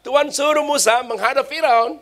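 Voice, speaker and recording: A man's voice: very high-pitched, normal speed, fairly bright tone. A male pastor preaching, mixing playful jokes and voice imitations with emphatic sermon passages. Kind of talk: sermon with humorous stories.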